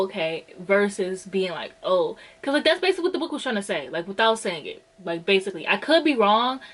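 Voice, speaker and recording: A woman's voice: medium pitch, a bit bright, poor audio. A woman talking casually in a book review vlog, chatty and exasperated, leaning hard on the filler "like". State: out of breath. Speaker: book vlogger.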